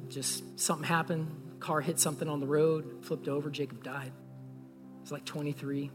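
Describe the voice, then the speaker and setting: Telling a story from the pulpit of a church sanctuary, a young man speaks at a moderate pace in a fairly high voice with little pitch movement. He is an earnest pastor addressing the congregation directly. The recording carries an echoey hall sound and faint music.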